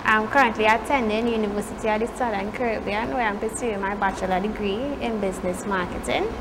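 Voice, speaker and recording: An eighteen-year-old woman with a Trinidadian accent gives poised, measured answers as a contestant in a pageant interview. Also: mid-range voice, steady tone, background noise. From Trinidad and Tobago. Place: indoor studio set with pageant backdrop.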